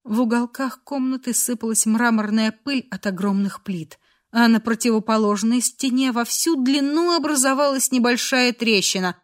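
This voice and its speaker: A woman's voice: a little high, normal speed. A woman narrating a romance novel in a dramatic reading style. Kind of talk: audiobook narration.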